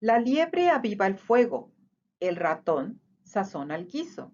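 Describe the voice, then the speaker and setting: A woman storyteller reading a children's picture book aloud, slow and unhurried, with a sing-song, widely rising and falling voice. The recording sounds a little dull and lo-fi. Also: medium pitch, sing-song, darkish tone.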